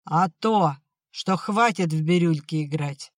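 The audiobook narrator voicing a drunken, bitter old peasant father, raised and slow in delivery, swinging between shouting and tearful self-pity. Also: medium pitch, no echo, clean studio sound, natural voice. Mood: drunk, angry. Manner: shouting then maudlin, slurred. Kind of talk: audiobook acting.

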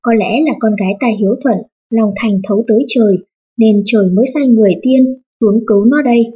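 A woman voicing an old father in a storybook reading, earnest and quick to scold. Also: on the high side, slightly rough, muffled recording. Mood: hopeful. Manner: earnest, pleading to heaven, then scolding. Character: old father, anxious then indignant.

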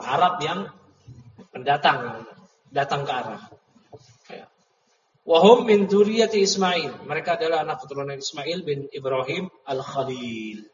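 Man, religious lecture, higher voice, distant dull recording. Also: roomy sound, long reverb tail, slight background noise. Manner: explains Arabic terms, then paraphrases them with lively asides. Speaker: Islamic teacher.

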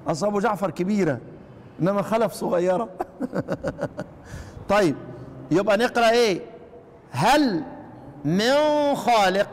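A man with an Egyptian accent teaching a lesson on Quranic readings, asking rhetorical questions and slowly chanting the example phrases. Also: high voice, in a large hall. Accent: Egyptian Arabic. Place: class with students.

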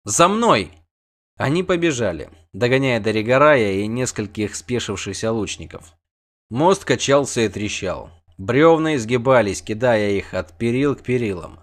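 A man's voice: medium pitch, lively intonation, normal speed. Man reading a tense fantasy audiobook. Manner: tense, vivid storytelling. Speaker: audiobook narrator. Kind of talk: dramatic audiobook narration.

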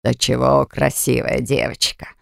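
A narrator voicing a pompous, boastful older rich man who talks down to people, in a slow, lowered, gravelly voice. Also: steady tone, no room sound, studio quality. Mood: fawning. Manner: boastful, patronizing. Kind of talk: audiobook character voice.

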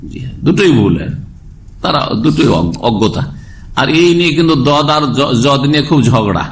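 A man's voice: fairly high pitch, sing-song, brisk. Man preaching with rhetorical questions. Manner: explanatory, asks the audience rhetorical questions; quotes Arabic phrases and corrects pronunciation. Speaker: Islamic preacher. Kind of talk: sermon lecture.

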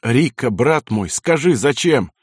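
A man's voice: medium pitch, sing-song, measured pace, darkish tone, husky, no echo, clean studio sound. A man voicing a distraught young sister. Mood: pleading.

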